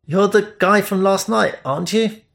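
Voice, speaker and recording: A man voicing a guarded, unsure young boatman who talks in halting phrases, reading from a romance audiobook. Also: high voice, vocal fry, fairly bright tone, voice pushed up. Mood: surprised.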